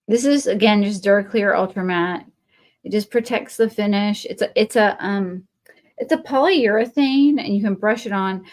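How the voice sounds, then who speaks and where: At a moderate pace and in a mid-range, slightly mellow voice, a Texan-accented woman keeps up a friendly, meandering conversation with viewers while crafting live, responding to their comments as she goes.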